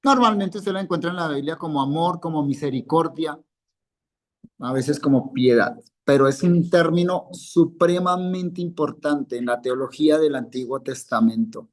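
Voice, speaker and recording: A man's voice: a little high, moderate pace. A male Hebrew teacher, giving a live classroom lesson and patiently quizzing students by name, repeating each word. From Colombia.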